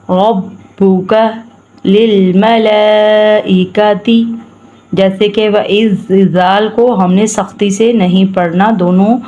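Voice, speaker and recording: A woman from Pakistan teaching Quran recitation, patiently chanting each word slowly and then explaining quickly. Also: fairly low pitch, a little mellow, highs cut off. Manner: slow drawn-out recitation alternating with quick explanation. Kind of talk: tajweed recitation lesson.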